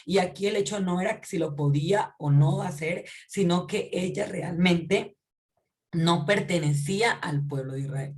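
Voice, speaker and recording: A woman's voice: deep voice, a little mellow. A woman giving an informal Bible teaching. She talks conversationally, often checks in with her listeners and repeats or restarts phrases as she explains.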